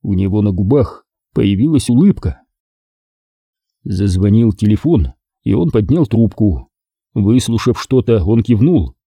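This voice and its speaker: A man narrating a crime novel as an audiobook in an expressive, dramatic reading. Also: on the low side, measured pace, slightly rough, dry recording.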